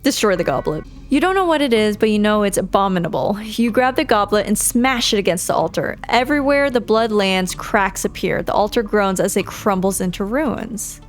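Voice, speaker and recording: A woman's voice: medium pitch, lively intonation, normal speed, few pauses, soft background music. A woman doing casual video game playthrough commentary, reading the on-screen text aloud and adding her own remarks.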